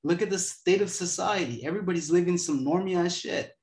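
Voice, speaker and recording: A man's voice: sits high, brisk, a little mellow, echoey room. A man in his twenties giving a casual motivational talk as host, laid-back and profane. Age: 20s.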